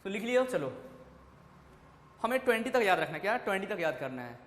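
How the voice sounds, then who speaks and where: High-voiced man teaching in an echoey classroom. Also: very animated, brisk, a bit bright. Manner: repeats questions to students and answers them. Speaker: chemistry teacher. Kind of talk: classroom lecture. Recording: echoey classroom with faint ambience.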